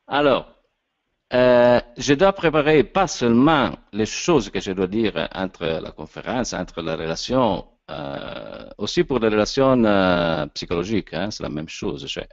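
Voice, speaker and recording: A man with an Italian accent, whose first language is Italian, gives an informal lecture as an actor and director, halting often and searching for his words. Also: lowish voice, lively intonation, creaky, no echo. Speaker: actor and director giving a talk on voice. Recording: dull lo-fi sound, dry.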